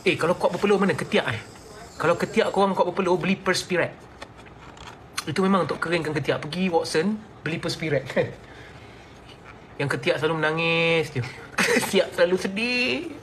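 A man's voice: high voice, normal speed, a bit bright, slight background noise. Playful Malaysian man joking. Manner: playful, exaggerated, laughs often. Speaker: celebrity endorser. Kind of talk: comedic sponsored chat.

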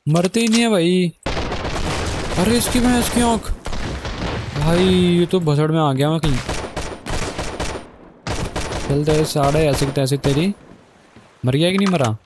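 Excitable gamer man over loud gunfire. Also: fairly high pitch, normal speed, background noise. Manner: excitable, swears at enemies, keeps up a running commentary. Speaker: gaming YouTuber. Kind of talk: live gameplay commentary. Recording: gunfire from the game behind.

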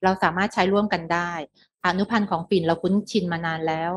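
A middle-aged woman lectures on a medical topic in a slightly low voice. She explains each step patiently and drops English technical terms into her speech, softening her sentences with polite particles. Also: fairly even intonation, quick pace.

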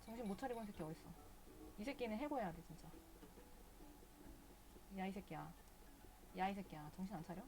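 A woman's voice: medium pitch, lively intonation, a little fast, pauses often, background noise. A woman streaming a video game live, chatting casually and cursing at the characters in exasperation.

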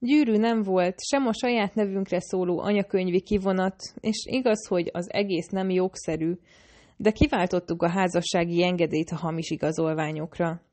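Low-voiced woman narrating an audiobook. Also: darkish tone. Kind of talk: scripted first-person narration.

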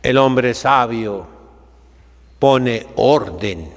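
An older man, a priest, preaching a seated sermon in a chapel, slow and emphatic, with sweeping rises and drops. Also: mid-range voice, animated, big-room sound. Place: chapel sanctuary, seated by the altar.

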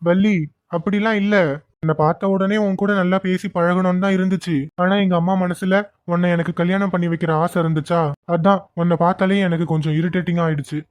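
A woman voicing a quick-tempered young man in a cartoon, with a snappy, scolding manner. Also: on the low side, level tone, darkish tone, dry recording, close to an everyday voice. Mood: gentle. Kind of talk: cartoon voice acting.

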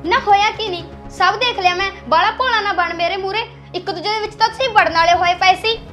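A woman's voice: extremely high pitch, fast talker, sharp tone, faint music behind. A woman playing a jealous young wife who taunts and accuses her husband and sister-in-law. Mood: accusing. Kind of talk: short film acting.

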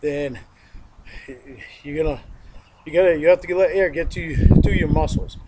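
The recording is very noisy: a middle-aged man with a fairly high, steady voice and moderate pace demonstrates a workout on his backyard lawn. This plain-spoken home fitness instructor sniffles from allergies, repeats himself, and counts reps aloud into a distant camera mic.

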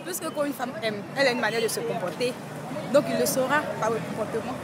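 Woman explaining amid loud street crowd. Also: on the high side, quick pace, heavy background noise. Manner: thoughtful, explains at length. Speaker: passer-by interviewee. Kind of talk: casual street answers. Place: city street at night. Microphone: interviewer's handheld microphone.

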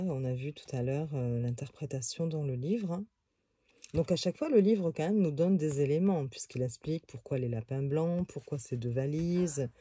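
A woman's voice: deep voice, dark tone, husky, dry recording. A woman casually reviewing a tarot deck on video, talking in a hesitant way with many fillers and restarts.

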